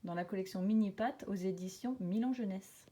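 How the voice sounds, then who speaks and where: Une femme lit un livre documentaire sur la nature pour enfants, comme une conteuse expressive qui souligne certains mots avec emphase. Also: female voice, medium pitch, fairly quick. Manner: storytelling, dramatic emphasis on repeated words and sound words. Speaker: reader of a children's nature book. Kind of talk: expressive nature documentary narration, read aloud for children.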